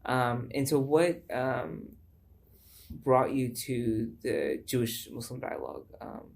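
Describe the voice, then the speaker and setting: A middle-aged man hosts a casual academic interview, encouraging his guests between frequent ums and uhs. His voice has a gravelly, fried edge. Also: mid-range voice, slow. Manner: hesitant, many fillers, encouraging. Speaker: podcast host, professor.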